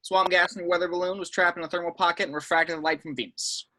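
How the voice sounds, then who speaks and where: A man reading the part of a dry, no-nonsense seasoned government agent at an amateur table read, clipped and deadpan. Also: high-pitched, fast talker, rough recording. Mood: deadpan, official.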